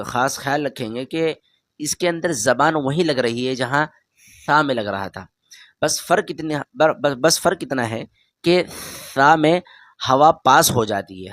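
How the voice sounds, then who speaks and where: Male Quran teacher, patient and direct, drawn-out letter demos, dry close recording. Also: medium pitch, dry recording. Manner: patient, repeats each letter loudly and drawn out; talks straight to the learner, asks them to repeat. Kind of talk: beginner Arabic letter lesson.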